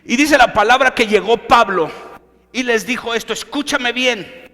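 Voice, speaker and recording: A man's voice: extremely high pitch, normal speed, pushed and bright, big-room sound. A male pastor preaching a sermon with emphatic, direct questions to his listeners.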